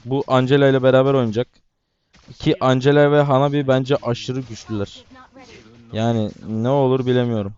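A man giving casual, excitable commentary while playing a mobile game, talking to his teammates and to viewers. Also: medium pitch, muffled recording. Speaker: gaming YouTuber.

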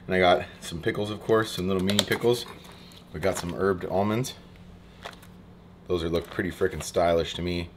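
A man's voice: deep voice, steady tone, moderate pace, pauses often, background noise. A young man hosting a casual cooking vlog in a houseboat kitchen, talking in a chatty, rambling way with restarts, recorded on a close camera mic. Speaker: fishing vlogger.

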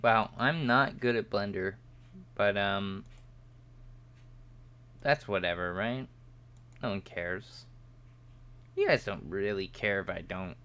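A man's voice: takes it slowly, long pauses, sharp tone, clean tone. A young man streaming live, rambling and joking at himself as he talks to his viewers while he models in 3D. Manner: yawning, low-key late evening.

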